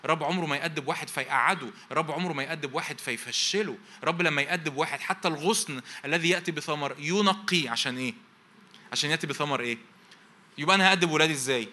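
A man's voice: fairly high pitch, racing, pushed and bright. A man preaching a sermon as pastor, with an Egyptian accent. He stacks phrases in repeated lists and prompts his congregation with rhetorical questions to finish each verse. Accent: Egyptian Arabic.

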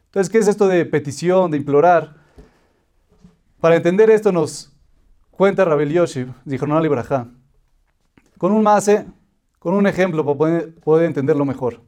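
Man, high voice, religious lesson, patient explaining, repeated listed phrases. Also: normal speed, pauses often, warm tone. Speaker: Torah teacher. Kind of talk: religious lesson with a told parable.

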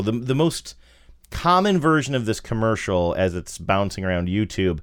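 Guy podcast host, casual storytelling, very lively pitch, kind of incredulous.

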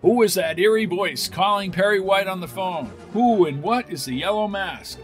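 A man's voice: sits high, normal speed, soft background music. Dramatic 1940s radio serial announcer, male. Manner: dramatic, emphatic. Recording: noisy vintage 1940s radio recording.

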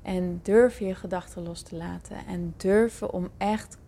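A woman's voice: on the low side, fairly even intonation, normal speed, creaky, warm tone. A woman hosting a podcast, informally addressing her listeners in an introduction. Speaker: podcast host.

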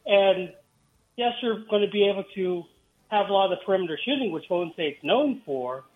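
A man's voice: sits high, lively intonation, a little fast, soft background music. A man calling into a sports radio show, his voice coming through a tinny phone line that sounds like it is inside a tin can. He lays out his argument point by point. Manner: analytical, builds a case point by point. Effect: tinny phone line, like talking inside a tin can. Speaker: caller. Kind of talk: sports call-in analysis.

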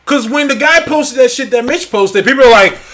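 A man in his forties co-hosting a podcast, talking in a casual, profane and animated way and repeating phrases for emphasis. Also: very high voice, fairly quick. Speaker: podcast co-host. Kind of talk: casual chat.

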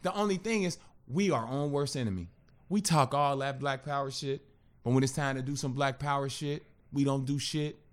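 A man in his thirties, a podcast guest telling a personal story in a casual, animated and profane way, acting out what other people said. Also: mid-range voice, fairly quick.

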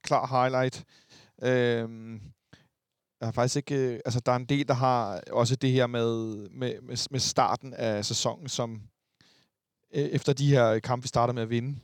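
A man's voice: mid-range voice, fairly even intonation, dry recording, clean studio sound. A Danish man hosting a podcast, hesitant with many fillers, reading out listener messages. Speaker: podcast host.

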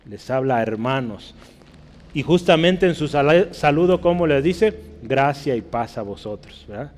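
A man teaching a Bible class in Spanish, checking in with his listeners and spelling out Greek words slowly. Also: mid-range voice, expressive, darkish tone, in a large hall. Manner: checks in with listeners, asking "¿verdad?" and "¿sí?".

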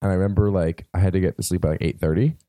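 A tired young man co-hosts a casual podcast, rambling through stories full of fillers. His voice is fairly low and dark. The recording is dry and close. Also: fairly even intonation, very fast, dry recording. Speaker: podcast co-host. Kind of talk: casual chat.

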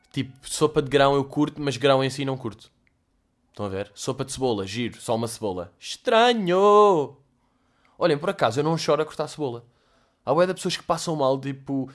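A young man, a host answering listener questions in a casual, slangy, sweary monologue, acting out little mock dialogues. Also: mid-range voice.

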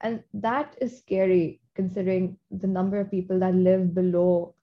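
A woman's voice: on the low side, steady tone, moderate pace. A woman with a Pakistani accent in a conversational discussion, speaking English with the odd Hindi-Urdu word. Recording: dull, lo-fi audio.

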